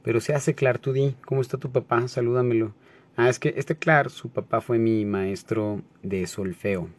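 A man with a Mexico City accent chatting casually on a late-night livestream, greeting viewers by name in relaxed, slangy talk. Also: mid-range voice, normal speed. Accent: Mexico City Spanish. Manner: laid-back, slangy, greets viewers by name, laughs often.

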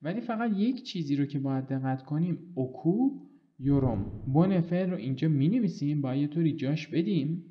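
A man teaching an online language lesson, explaining patiently and reading example sentences slowly and clearly. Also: a little high, lively intonation, highs cut off.

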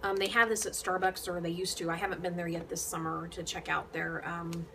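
A woman's voice: fairly low pitch, flat delivery, brisk, gravelly, background noise. A woman hosting a casual knitting vlog, chatting to her viewers with lots of ums and restarts. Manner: rambling, many ums and restarts. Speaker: knitting vlogger. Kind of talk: casual chat to camera.

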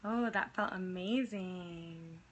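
A young woman leading a guided meditation in a soothing, unhurried, softly instructing manner. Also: fairly low pitch. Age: young adult. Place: small indoor room at home. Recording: clear background noise.

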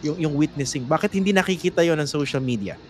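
A man's voice: fairly high pitch, quick pace. A man hosting an interview, thinking aloud and often checking in with short tag questions. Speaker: host. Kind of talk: conversational interview.

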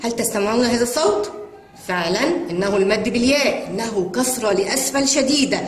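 A woman teaching young children to read, spelling out words in long drawn-out sounds. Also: fairly high pitch. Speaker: kindergarten Arabic teacher. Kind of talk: children's reading lesson. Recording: echoey room with long reverb and faint noise.

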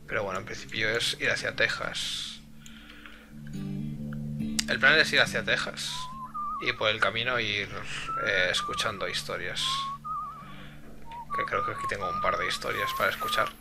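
A man's voice: mid-range voice, wildly swooping pitch, normal speed, long pauses, loud music behind the voice. A man streaming live and translating a game aloud, hesitant and full of fillers.

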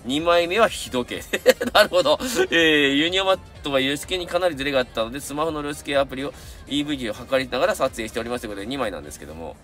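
A man's voice: medium pitch, lively intonation, racing, hardly any pauses, a bit bright, soft background music. A middle-aged man with a Kansai accent, chatting casually as a camera channel host, rambling with many fillers and asides while reviewing gear and reading viewer submissions.

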